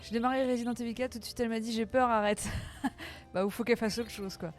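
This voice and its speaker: A woman chatting casually with her live-stream audience while gaming, playful and quick to laugh, her voice a little tired. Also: on the high side, fairly even intonation, darkish tone, soft background music.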